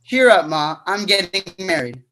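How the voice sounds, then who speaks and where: A young man plays a jittery young groom, earnest and restless. His voice is high and bright for a man. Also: sing-song, moderate pace, full character voice. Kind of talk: amateur play reading.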